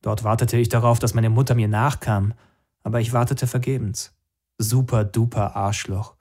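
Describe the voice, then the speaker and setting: A man narrating an audiobook in the first person, in an even storytelling way. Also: medium pitch, brisk.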